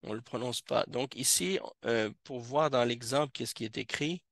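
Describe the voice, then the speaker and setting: A man teaching Arabic grammar to a class, explaining slowly with frequent hesitations. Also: mid-range voice, gravelly, fairly bright tone, no echo, studio quality. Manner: slow, hesitant explaining with many fillers. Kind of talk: classroom lesson. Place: mosque classroom.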